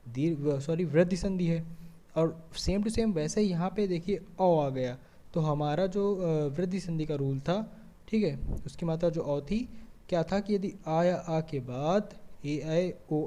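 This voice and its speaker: A man teaches a grammar lesson step by step. His voice sits a little high but has a mellow, warm tone. He keeps asking questions and answering them himself, and often checks in with short words. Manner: frequent checking fillers. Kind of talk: board-style grammar lesson.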